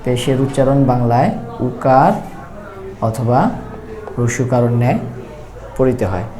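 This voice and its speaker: A man teaching Quran reading, explaining step by step and repeating each letter sound slowly. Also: mid-range voice, steady tone, crowd noise. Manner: slow, repetitive, drawn-out letter sounds. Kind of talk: step-by-step recitation lesson.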